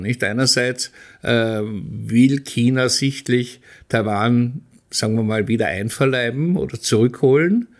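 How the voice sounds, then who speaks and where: A man hosting a podcast interview, calmly laying out his points before asking a question. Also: mid-range voice.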